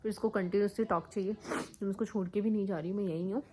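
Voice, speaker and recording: A young woman chatting casually in a home vlog, a mother talking softly about her sick child and cooing at him in a higher voice, recorded on a phone in a bedroom. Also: fairly even intonation, fast talker. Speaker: vlogger and mother.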